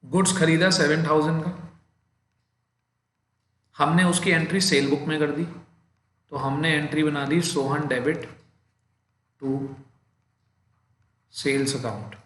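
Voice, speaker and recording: Male Indian tutor, patient step-by-step lecture delivery with slow dictation, in a reverberant room. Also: fairly high pitch, steady tone, a bit bright, a little hiss or hum. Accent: Indian English mixed with Hindi. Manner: explains step by step, addresses students as "beta", slows down to dictate entries. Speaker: accountancy teacher. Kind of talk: classroom lecture.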